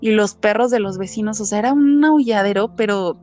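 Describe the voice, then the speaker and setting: A woman with a Mexican accent, telling a ghost story in a relaxed, chatty way, with many fillers, acting out what people said. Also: medium pitch, a little fast, lo-fi sound, soft background music. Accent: Mexican Spanish. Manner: animated, many fillers, acts out quotes. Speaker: guest telling ghost stories. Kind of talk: casual storytelling chat.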